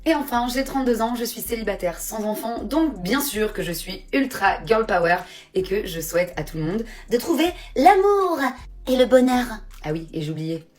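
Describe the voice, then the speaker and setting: Woman, 30s, playful to-camera chat, teasing refrain, mid pitch. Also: a little mellow. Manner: playful, repeats a refrain, laughs often. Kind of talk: casual monologue to camera.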